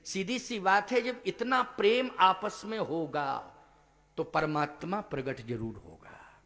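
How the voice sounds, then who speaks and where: A man telling a devotional story as a sermon, quizzing his listeners and chanting verses in a slow, drawn-out melody. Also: high voice, creaky, bright, forceful tone. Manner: quizzes the audience with rhetorical questions. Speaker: Ram katha preacher.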